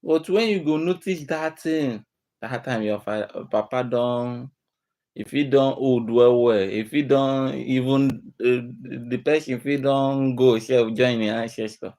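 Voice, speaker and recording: A man's voice: medium pitch, unhurried, mellow. A man with a Nigerian accent giving informal advice in a Nigerian Pidgin manner, earnest and admonishing, repeating himself for emphasis. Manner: earnest, admonishing, rhetorical repetition. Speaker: speaker giving community advice.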